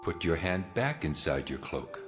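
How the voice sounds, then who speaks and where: An actor playing a solemn, commanding, almighty God in a dramatized scripture audio production, declaiming with authority through a cavernous reverb. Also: male voice, a bass voice, very animated, a little slow, exaggerated voice. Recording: long reverb over loud music.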